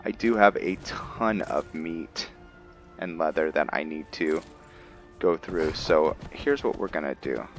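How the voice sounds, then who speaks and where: The host of a gameplay roleplay series talks casually over his game in a rumbling low voice, unhurried and hesitant as he thinks aloud and chats with viewers. Music plays in the background.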